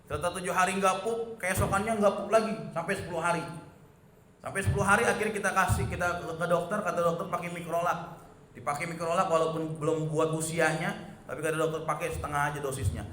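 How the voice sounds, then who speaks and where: Guy in his 30s giving a mosque talk, kinda high voice, lots of echo. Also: fairly even intonation, fast talker, a bit bright, a little hiss or hum. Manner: chatty, addresses listeners as "Pak" often. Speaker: preacher. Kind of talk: dawn mosque sermon. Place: mosque hall. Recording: echoey mosque hall.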